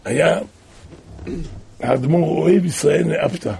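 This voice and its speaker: A man telling a religious tale as a sermon, dropping to hushed asides and then crying out loud repeated calls. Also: vocal fry. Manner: shifts from hushed low asides to loud cried-out repetitions. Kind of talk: storytelling sermon.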